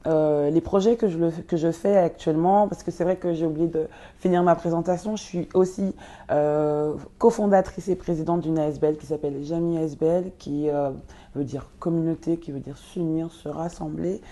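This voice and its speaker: Low-voiced woman, halting with fillers. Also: steady tone, mellow. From Congo. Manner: hesitant, many fillers and restarts. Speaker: guest, nonprofit co-founder. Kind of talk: interview answers.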